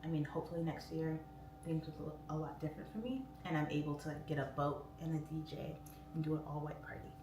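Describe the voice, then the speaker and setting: A woman's voice: low voice, steady tone, fast talker. A woman in her late thirties chatting casually as a livestream host, her speech slightly impeded by a swollen, newly pierced tongue. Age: late 30s. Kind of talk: casual livestream chat, reading viewer comments aloud. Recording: roomy echo, distant mic, clear background noise.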